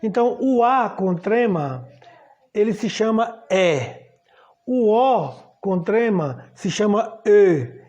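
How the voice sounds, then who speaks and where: A woman's voice: mid-range voice, expressive, takes it slowly, darkish tone, lo-fi sound. A woman with a Brazilian Portuguese accent teaches a language lesson patiently, spelling out letters and checking that students follow. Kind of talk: explaining a language lesson at a board.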